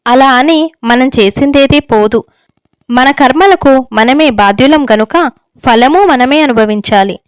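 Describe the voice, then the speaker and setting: A woman's voice: high voice, measured pace, smooth, no echo. A woman reading the lines of a stern older village elder husband who lectures on righteousness. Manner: stern, moralizing, unbending. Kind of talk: story reading.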